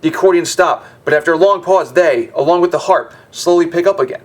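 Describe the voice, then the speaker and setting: A man's voice: on the high side, a little fast. A man hosting a gaming video, reading game lore aloud and breaking off for chatty, wry asides.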